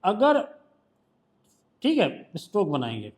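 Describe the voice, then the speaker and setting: A man's voice: sits high, huge pitch swings, takes it slowly. A male shorthand teacher with a Hindi accent, patiently quizzing a student during one-on-one tutoring.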